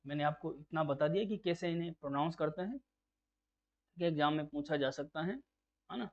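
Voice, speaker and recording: A man's voice: a little high, a little fast. A man teaching a phonetics lesson for exam preparation, explaining patiently and repeating key terms as questions to drill them. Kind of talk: exam-prep lecture. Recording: dull lo-fi recording.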